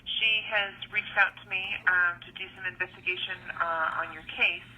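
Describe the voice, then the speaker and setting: A woman's voice: lowish voice, steady tone, normal speed, slight background noise. A woman police detective leaving a formal, procedural voicemail message, speaking with hesitations. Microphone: telephone. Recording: muffled lo-fi telephone voicemail playback.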